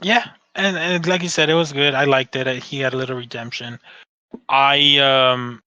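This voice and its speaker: A man's voice: mid-range voice, steady tone, moderate pace, sharp tone, clear, resonant tone, no echo. A man co-hosting a casual fan podcast, talking in a rambling way with many restarts and frequent swearing. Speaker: podcast co-host. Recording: dull dry lo-fi sound.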